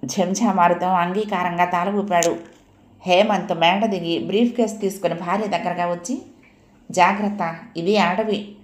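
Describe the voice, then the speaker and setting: A woman narrating a serialized story aloud at a steady pace. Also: on the low side, normal speed. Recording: echoey room.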